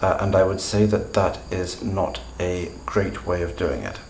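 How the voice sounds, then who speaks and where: A man with a standard British accent giving a pronunciation lesson, speaking in a measured way and slowing down to model example words. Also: low-pitched, darkish tone, echoey room, a little hiss or hum. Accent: standard British English. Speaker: English pronunciation teacher.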